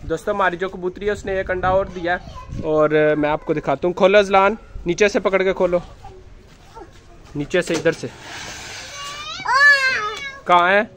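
A man, filming his rooftop chickens on a handheld phone and gently guiding children as they feed the birds. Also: sits high, steady tone, measured pace, pauses often, slight background noise. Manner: gentle, instructive, often coaxing the children. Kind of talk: casual narration while filming, talking to children. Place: outdoor rooftop with chicken coops. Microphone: handheld phone camera, first-person.

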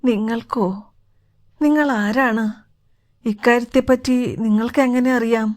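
Brief: woman narrator doing a frightened little man, trembling and pleading, fairly high voice. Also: unhurried, close to an everyday voice. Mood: anxious.

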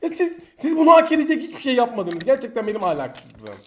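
A man commentating his own mobile battle royale match in Turkish-accented speech, excitable and taunting the opponents he fights. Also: very high voice, fast. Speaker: mobile game streamer. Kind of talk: live gameplay commentary.

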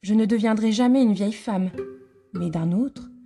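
A woman's voice: medium pitch, moderate pace, warm tone, faint music behind, close to an everyday voice. A woman voicing a curious young girl in a storybook reading, musing aloud to herself in a wondering tone.

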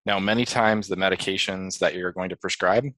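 Low-voiced man presenting a webinar. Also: fairly quick, no room sound, low-quality recording. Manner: explanatory, steady, with fillers and restarts.

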